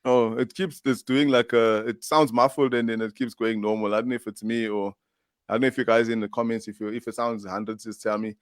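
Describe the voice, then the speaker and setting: A man's voice: mid-range voice, fairly even intonation, brisk, dry recording, clean studio sound. A man with a Durban South African accent hosting a casual chat, laid-back and laughing along, speaking to viewers. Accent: South African English, Durban. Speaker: host.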